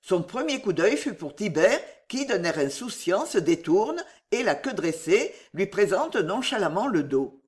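Expressive storybook narrator, lively pitch. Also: unhurried. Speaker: audiobook narrator.

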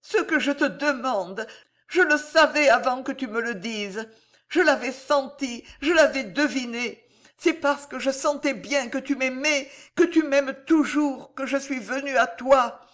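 A woman's voice: high-pitched, a little slow, a bit bright, pitched above the performer's own voice. A woman reading an audiobook, voicing a passionate young noblewoman in a heightened, tremulous way. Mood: pleading passion.

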